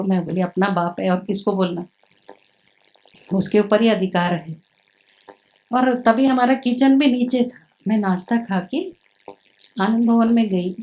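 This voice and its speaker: Hindi-speaking woman telling lively stories. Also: medium pitch, poor audio. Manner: animated storyteller acting out quoted dialogue. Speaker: spiritual center sister sharing experiences. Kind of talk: storytelling talk.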